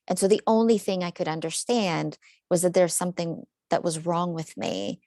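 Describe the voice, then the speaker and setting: A woman in her thirties from Ukraine speaks in an earnest storytelling way, slipping in light jokes. Her voice sits a bit low and has a gravelly edge. The sound is dry, with no room echo. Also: darkish tone. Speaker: psychologist presenter. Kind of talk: webinar talk.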